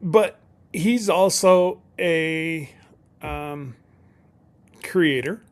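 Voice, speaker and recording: A man's voice: on the high side, drawn-out words. A middle-aged man chatting casually on a live stream as co-host, rambling and folksy with many restarts.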